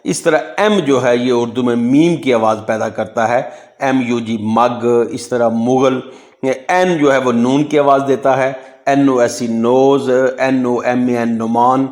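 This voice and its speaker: A man's voice: mid-range voice, steady tone, a little mellow. A man giving a phonics lesson, spelling words out letter by letter. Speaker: English teacher.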